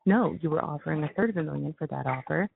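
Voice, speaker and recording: A man talking casually on a prison phone call, emphatic and supportive, with a halting delivery. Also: a little high, vocal fry, heavy background noise. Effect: prison phone line. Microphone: telephone. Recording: tinny narrow prison phone line.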